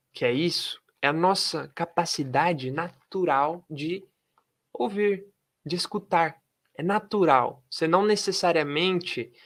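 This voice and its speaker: A man's voice: a little high, fairly bright tone. A man teaching an English lesson, mixing explanations with English words and carefully modeling pronunciation. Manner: switches between Portuguese and English, models pronunciation slowly. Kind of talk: English lesson taught in Portuguese.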